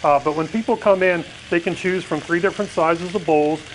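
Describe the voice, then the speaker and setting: A middle-aged man with a slightly high voice rambles on as a guest in a morning-TV studio kitchen. He talks through a lapel mic over a faint hiss of food frying on the stove, his sentences full of fillers and restarts. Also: brisk, low-quality recording. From Pennsylvania. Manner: rambling, many fillers and "and everything". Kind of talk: TV cooking segment interview. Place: studio kitchen set, indoors. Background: faint sizzling of frying food.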